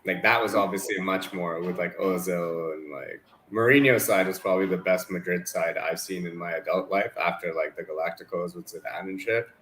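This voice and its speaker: A Canadian man with a lowish voice and a forceful, tense edge rants through casual football chat. He swears freely and talks with animated heat. There is a faint hum of noise behind him. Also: moderate pace, few pauses, low-quality recording. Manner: profane, ranting, animated. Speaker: co-host of a football watchalong.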